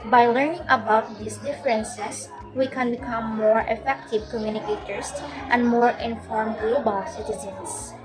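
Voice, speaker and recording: A woman's voice: fairly high pitch, steady tone, moderate pace, poor audio. A woman reading the scripted conclusion of a class presentation. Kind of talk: read-aloud closing remarks.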